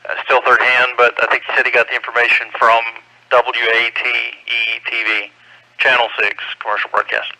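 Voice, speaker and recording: A man's voice: mid-range voice, level tone, normal speed, pushed and bright, dry recording, rough recording. An American man working as an amateur radio net controller, giving terse, procedural emergency updates in clipped phrases over a two-way radio. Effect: two-way radio transmission. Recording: amateur radio transmission, dry.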